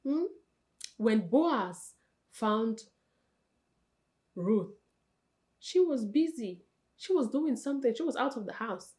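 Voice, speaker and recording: A young woman vlogger giving casual, chatty advice straight to her viewers, expressive and correcting herself often. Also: a little high, slow pace, long pauses. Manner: chatty, talks straight to viewers as "you guys" and "sis"; expressive, with frequent self-corrections.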